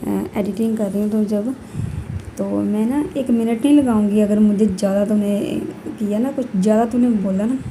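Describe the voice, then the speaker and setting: A young woman vlogging at home, talking quietly so her sleeping children stay asleep, scolding and repeating herself. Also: mid-range voice, normal speed, slight background noise, low-quality recording. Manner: speaks softly while children sleep. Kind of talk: casual vlog talk to camera.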